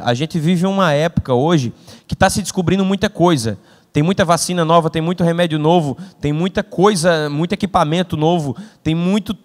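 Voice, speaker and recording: Young man, high voice, comic motivational speaker, acts out dialogue, echoing event hall. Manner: animated storytelling with acted-out dialogue. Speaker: invited speaker. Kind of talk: humorous motivational talk. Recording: long hall reverb.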